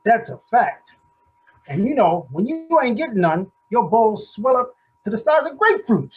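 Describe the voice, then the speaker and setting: A man's voice: high voice, big pitch swings, normal speed, slightly rough, phone-quality sound, full character voice. An actor playing Howard, a crude, blustering middle-aged man, in a stage play reading. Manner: brash, loud, crude.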